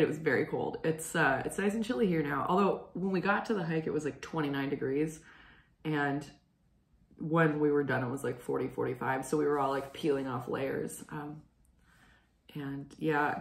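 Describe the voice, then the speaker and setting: In an echoey room at home, a hoarse young woman presents a knitting show, meandering through chatty anecdotes in a casual way and stopping to clear her throat. Her low voice carries a gravelly edge.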